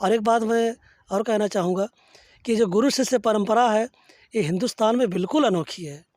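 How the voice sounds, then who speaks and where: A man's voice: high-pitched, normal speed, a little mellow. A man delivers a reflective discourse in a dry, echo-free setting. He is earnest and reverent, explaining like a teacher and weaving in verse and anecdotes.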